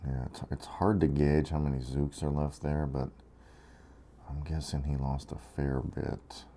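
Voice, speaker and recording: This man's pitch is extremely low, his delivery flat and unhurried, his tone warm, with a little hiss or hum in the background. He's a gameplay commentator, worn out after 23 hours without sleep, drifting through relaxed, filler-heavy talk about a strategy game.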